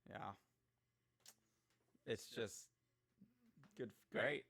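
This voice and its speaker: A man co-hosting a casual gaming podcast, talking in opinionated, animated tangents. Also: medium pitch, drawn-out words. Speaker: podcast co-host. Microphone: studio podcast mic.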